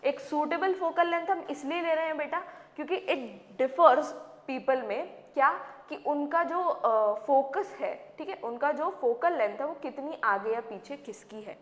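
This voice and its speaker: A woman's voice: sits high, unhurried, big-room sound. A woman teacher with an Indian accent, giving a classroom science lecture in a questioning, coaxing manner. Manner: asks questions and answers them herself, calls students beta.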